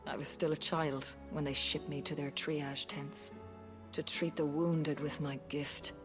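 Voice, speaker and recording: An actress playing a weary, grieving young woman healer who speaks quietly and steadily in a game scene. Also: low-pitched, flat delivery. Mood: somber. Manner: quiet, measured, somber. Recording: game audio with clear music behind.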